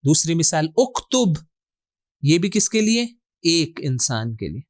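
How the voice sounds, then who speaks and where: A man's voice: fairly high pitch, big pitch swings, dry recording. Patient male Quran grammar teacher, dry sound. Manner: asks questions and answers them himself; mixes English terms into explanations. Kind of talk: grammar lesson.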